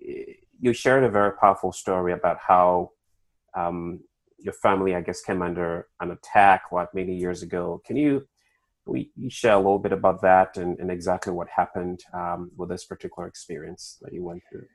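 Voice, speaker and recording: A very deep-voiced man hosts an interview podcast, framing questions in a measured way. He pauses often with filler sounds as he introduces his guest. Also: steady tone, poor audio. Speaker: podcast host.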